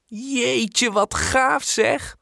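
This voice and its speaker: A man voicing an eager little girl in an audiobook, with high, excited exclamations. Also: moderate pace, no echo, studio quality, close to an everyday voice. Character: eager little girl who dreams of knighthood. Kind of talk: audiobook character voice.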